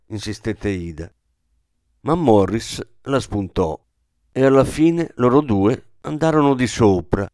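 A man narrating a novel aloud in a measured, storytelling manner, raising his pitch for the characters' quoted lines. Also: darkish tone, no echo, studio quality. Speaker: audiobook narrator. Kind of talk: scripted narration.

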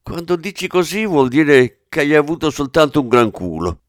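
A man's voice: a little high, big pitch swings, normal speed, no echo, clean studio sound, voice pushed up. A man reading the part of a mocking, demanding male forensics chief in an audiobook. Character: sardonic male forensics chief, teasing colleague.

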